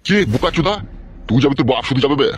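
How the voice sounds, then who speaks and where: A man's voice: mid-range voice, expressive, racing, slight background noise, lightly acted. A man voicing a crude, furious middle-aged village father in a comic cartoon, bellowing coarse insults. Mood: bullying.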